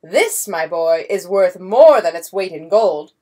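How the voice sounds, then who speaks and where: A woman's voice: lowish voice, lively intonation, unhurried, dark tone. A woman reading a storybook voices a blustering, pompous swindler count who barks commands. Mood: smooth-talking. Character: blustering swindler count, grown man, bold. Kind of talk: audiobook character voice.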